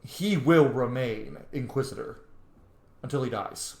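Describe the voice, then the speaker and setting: A gaming channel host plays through a roleplay, offering casual, informal commentary and talking back to the characters. He has a medium-pitched, gravelly, darkish voice and speaks a little slowly in an echoey room.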